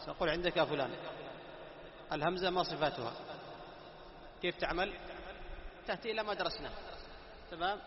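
Man, teacher, quizzes students, repeats terms, high voice, long hall reverb. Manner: quizzes students, repeats key terms, slows down to recite examples. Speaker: Quran recitation teacher. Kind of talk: classroom lesson on tajweed. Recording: echoey hall, dull lo-fi sound.

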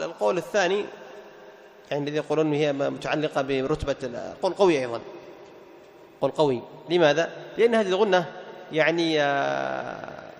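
A man with a notably high voice teaches recitation rules to a room of students. He fires off quick questions, answers them himself, and breaks into short chanted examples. Long reverb from the hall trails every phrase. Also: gravelly. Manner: quizzes students with quick rhetorical questions, then repeats the answer. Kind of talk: classroom lesson on recitation rules. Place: classroom with students present.

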